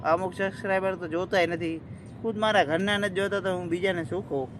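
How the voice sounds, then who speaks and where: Chatty high-voiced vlogger man. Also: steady tone, fairly quick, noisy background. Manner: chatty, teasing, addresses viewers directly. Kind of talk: casual walking vlog. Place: outdoors by a riverfront. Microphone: phone held by a friend.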